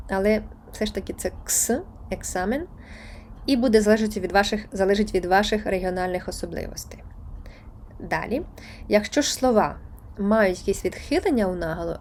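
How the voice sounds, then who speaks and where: A woman's voice: medium pitch, a little mellow, slight background noise. A woman teaching a beginners' Spanish lesson online, chatty and encouraging, laughing now and then.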